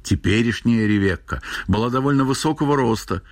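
A man narrating literary prose in a measured, even manner. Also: mid-range voice, no echo.

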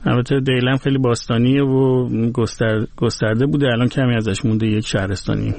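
A man's voice: medium pitch, steady tone, creaky, a little mellow, no room sound. A man talking on a radio program, patiently explaining word origins one by one. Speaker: guest expert on languages.

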